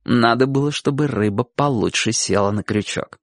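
A man reading a story aloud with lively, expressive narration. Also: medium pitch, moderate pace, no echo, clean studio sound.

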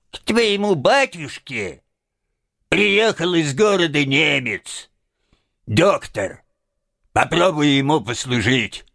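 A man reading a storybook voices a mischievous little house spirit that squeaks in falsetto and sometimes drops into a deep bass. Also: gravelly, sharp tone, heavily acted. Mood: parting.

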